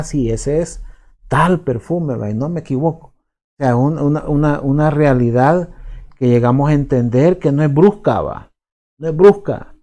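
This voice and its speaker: A man with a Salvadoran accent preaching a sermon as pastor, conversational and halting, often repeating words and adding tag questions. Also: a little high, mellow. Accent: Salvadoran Spanish. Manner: halting, repeats words while searching for them.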